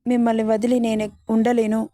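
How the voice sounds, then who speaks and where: A woman voicing a gentle young wife who pleads softly with her husband in a storybook reading. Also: fairly high pitch, monotone, fairly quick, no echo, studio quality, natural voice. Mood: pleading.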